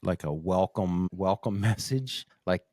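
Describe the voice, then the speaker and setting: A man's voice: deep voice, unhurried, a little mellow, dry recording, clean studio sound. A middle-aged man from Newfoundland with a Canadian accent, chatting casually and bluntly as a podcast host, swearing freely. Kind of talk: casual chat.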